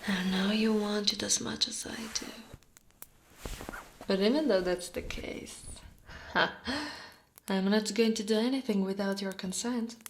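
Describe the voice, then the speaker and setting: Slow and pausing often, an Italian woman, a native Italian speaker, voices a short female orc guard in a mid-range voice for an intimate ASMR roleplay, with a little hiss or hum on the audio. She comes across gently dominant and doting, soft, breathy, and sometimes whispering, in a flirty, coaxing mood.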